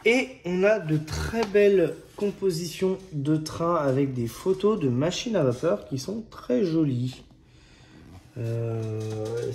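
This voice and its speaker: A man's voice: a little high, darkish tone, slight background noise. A man casually presenting model kit issues, hesitant and chatty, with frequent fillers and restarts. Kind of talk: casual hobby video narration.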